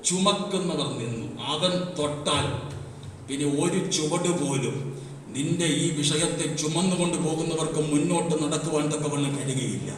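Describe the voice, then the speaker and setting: A man preaching a sermon as pastor, impassioned, swinging from hushed to shouting, recorded in a church hall. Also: on the high side, moderate pace. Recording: echoey hall, mic far off.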